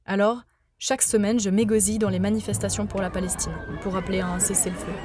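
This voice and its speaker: A young woman from France narrating her own podcast in an earnest, measured, personal way. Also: medium pitch, flat delivery, music in the background, crowd noise. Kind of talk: scripted first-person narration.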